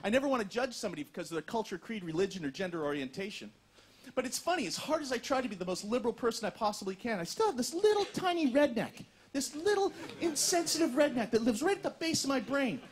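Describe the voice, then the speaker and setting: A man doing a stand-up comedy set on stage, with animated, self-mocking, punchy delivery. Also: extremely high pitch, fast. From Canada. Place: comedy stage before a live audience. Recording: live show with audience laughter and noise.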